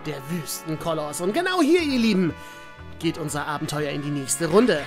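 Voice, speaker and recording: A woman's voice: deep voice, animated, normal speed. Lady playing a video game and chatting to her viewers, voice bouncing up and down a lot, game music going underneath. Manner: chatty, addresses viewers as "ihr Lieben", mild swearing at enemies. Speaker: let's player.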